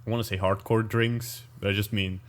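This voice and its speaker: Man from Belgium, lowish voice, casual podcast chat, relaxed, hesitant fillers. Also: brisk. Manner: easygoing, laughs often, hesitant with fillers. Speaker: podcast co-host.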